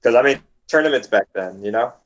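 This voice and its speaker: A man's voice: medium pitch, lively intonation, brisk, lo-fi sound. A young man co-hosting a gaming podcast in casual, swear-filled chat. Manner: laid-back, swears freely. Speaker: podcast co-host.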